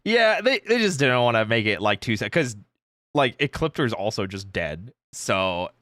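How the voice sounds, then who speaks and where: A man's voice: mid-range voice, very animated, normal speed, pushed and bright, no echo, studio quality. A man giving eager, emphatic commentary in a casual chat as a reaction host.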